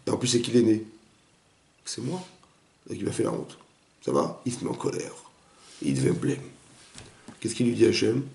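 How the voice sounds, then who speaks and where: A man, a rabbi, giving a lively interactive Torah class, quizzing his students and acting out the dialogue. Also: on the low side, moderate pace, gravelly, pauses often, a little hiss or hum. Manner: animated, questions the students, acts out dialogue. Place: echoey room with students. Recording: roomy echoey room recording.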